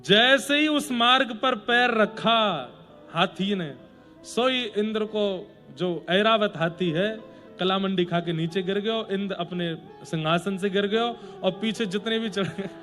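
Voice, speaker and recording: A man tells a devotional story from the pulpit, slipping in playful, joking asides. His voice sits high for a man. Faint instrumental music hums softly behind him. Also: a little slow. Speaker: preacher and storyteller.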